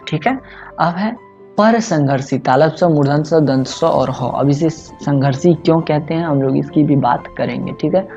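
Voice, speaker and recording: A man's voice: mid-range voice, creaky, mellow, dull audio. A man teaching a lesson over slides, addressing listeners as friends and often checking in with "okay". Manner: fills pauses with a frequent "thik hai".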